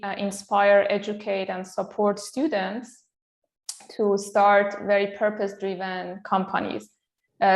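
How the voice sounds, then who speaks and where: An Iranian woman, an entrepreneur and lecturer, is the guest in an interview conversation. She speaks in a measured, flat, even way with many "um" fillers and pauses, her mid-range voice recorded in an echoey room.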